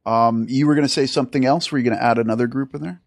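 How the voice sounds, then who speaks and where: A man hosting an interview, asking quick questions and answering with upbeat praise. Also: medium pitch, fairly even intonation, creaky, dry recording, clean studio sound. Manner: upbeat, affirming. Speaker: interview host.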